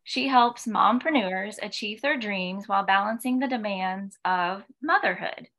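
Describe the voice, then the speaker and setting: A woman's voice: medium pitch, unhurried, a bit bright. Upbeat woman hosting a podcast. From American Midwest. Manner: upbeat, encouraging, with fillers. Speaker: podcast host. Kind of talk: casual podcast chat.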